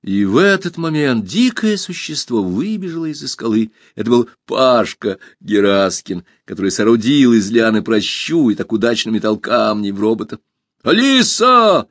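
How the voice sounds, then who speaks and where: A man narrating a children's storybook in a calm, even reading voice. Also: on the low side, moderate pace, hardly any pauses, no room sound, clean studio sound.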